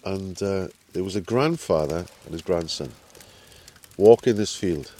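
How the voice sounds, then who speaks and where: A man's voice: sits low, measured pace, dark tone, slight background noise. A man from Wales with a Welsh accent, casually telling anecdotes outdoors. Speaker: visiting angler.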